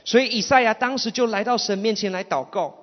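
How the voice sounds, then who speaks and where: Male sermon interpreter, Malaysian accent, high voice, halting phrases, muffled hall sound. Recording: muffled, long hall reverb.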